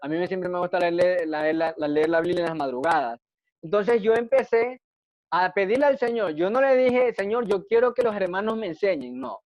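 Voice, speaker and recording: A man's voice: high-pitched, lively intonation, normal speed. A man preaching and giving a personal testimony in an earnest, repetitive way, often asking rhetorical questions. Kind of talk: testimony sermon. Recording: dull dry lo-fi recording.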